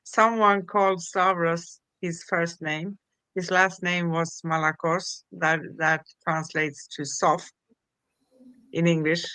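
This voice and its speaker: A woman's voice: lowish voice, little pitch movement, slow, pushed and bright, clean tone, no echo, rough recording. A woman co-hosting a casual chat who tells stories and laughs often. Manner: giggly storyteller, laughs often. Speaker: co-host.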